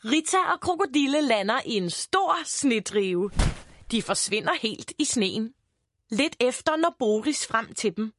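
A woman narrating a children's picture book in an expressive, animated way. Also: a little high, no echo.

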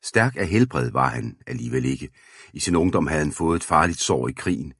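A man narrating a historical storybook aloud in a steady, even way. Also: rumbling low, husky, no room sound, clean studio sound. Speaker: audiobook reader.

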